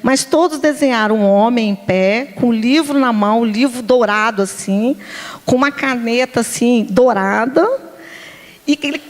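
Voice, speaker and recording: A woman, a teacher, telling a lively testimony to a congregation and acting out the children's voices. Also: a little high, moderate pace. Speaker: teacher giving a church testimony. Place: church hall. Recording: long hall reverb.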